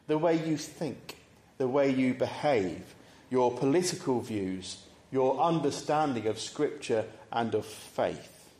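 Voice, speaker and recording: A man preaching a sermon in a church, measured and conversational, pausing to pose reflective questions to the congregation. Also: mid-range voice, darkish tone. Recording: echoey church room.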